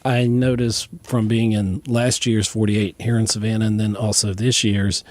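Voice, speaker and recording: A man hosting a radio interview, asking questions in a halting, friendly way with many fillers. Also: lowish voice, flat delivery, a little mellow, no echo. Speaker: interview host.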